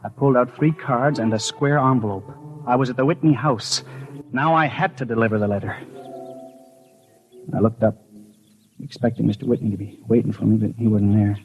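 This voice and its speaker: This mid-range actor keeps a steady tone and a brisk pace but pauses often, giving a lightly acted take on a fanciful, worried postman from 1950s radio drama. He narrates his suspicions in an anxious, brooding mood and stammers hesitantly with other characters. The sound has its highs cut, like a 1950s broadcast with music.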